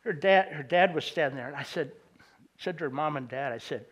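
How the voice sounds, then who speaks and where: Halting, conversational male pastor. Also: a little high, a bit bright. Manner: conversational, halting with many fillers and restarts; acts out quoted voices in anecdotes. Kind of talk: sermon.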